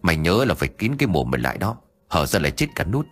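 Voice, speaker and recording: A man doing a gruff, snappish young man. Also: deep voice, big pitch swings, fast, soft background music, heavily acted. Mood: scornful. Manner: snapping, hushed scolding.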